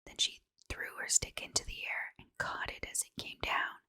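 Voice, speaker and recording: A woman's voice: normal speed, pushed and bright. A woman reads a children's storybook under her breath in an ASMR style, in an unvoiced whisper.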